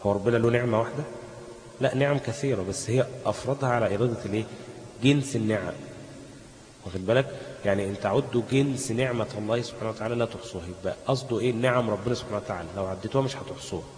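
A lower-voiced man with an Egyptian Arabic accent teaching Quranic readings. He quizzes the class, answers his own questions and chants verses slowly. He is recorded in a large hall with long reverb and a faint hum of room noise. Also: darkish tone. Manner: asks the class questions and answers them himself, says "ماشي؟" often.

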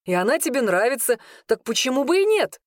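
Woman playing excitable young male friend, high-pitched and pleading, dry storybook read. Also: moderate pace, no room sound, lightly acted. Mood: eager. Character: cheerful, eager young man, friend of the hero.

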